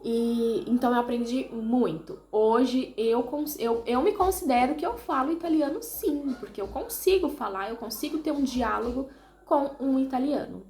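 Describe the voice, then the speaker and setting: A woman's voice: high-pitched, moderate pace, a little mellow, roomy sound. A Brazilian woman with a Brazilian Portuguese accent, chatting casually and self-deprecatingly to her viewers, often restarting her sentences. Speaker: vlogger. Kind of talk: casual chat to camera.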